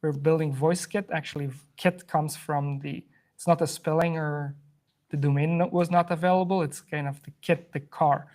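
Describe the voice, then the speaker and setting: A man's voice: a little high, fairly even intonation, moderate pace, a little mellow. A man from Afghanistan hosts a live coding workshop to a room, chatty and loose, with many fillers and restarts. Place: room with an in-person audience.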